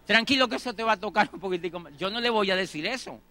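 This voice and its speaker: A man's voice: high-pitched, expressive, racing, sharp tone. A middle-aged man giving a motivational talk, acting out conversations and repeating phrases for emphasis. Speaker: motivational speaker. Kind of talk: motivational talk with acted anecdotes.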